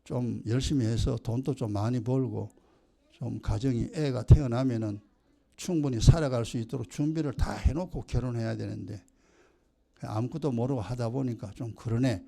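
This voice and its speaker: A man voicing a sheepish parent who quietly admits fault, in a sermon. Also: medium pitch, moderate pace, gravelly, pitched below the performer's own voice. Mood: rueful. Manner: quiet, rueful. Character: sheepish parent conceding, low and rueful.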